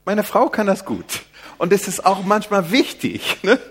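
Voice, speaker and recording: Slow, husky, soft-spoken older preacher. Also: male voice, sits high, very animated. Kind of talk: sermon.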